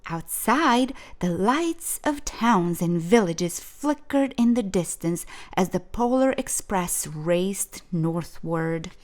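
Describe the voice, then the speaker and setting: A woman reading a children's story aloud in an expressive, deliberate, dramatic storytelling style. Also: lowish voice. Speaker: children's storybook reader, host.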